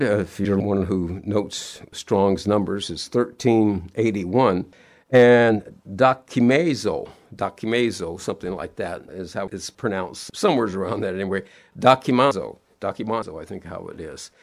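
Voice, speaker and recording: Preaching in a fairly low voice, a middle-aged man sounds stuffy and sniffly because of allergies. His earnest sermon uses simple homespun language and keeps coming back to the same key words.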